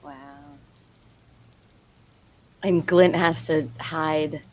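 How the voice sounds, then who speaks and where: A woman's voice: low-pitched, little pitch movement, slow pace, darkish tone. Teasing woman player. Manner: teasing, playful.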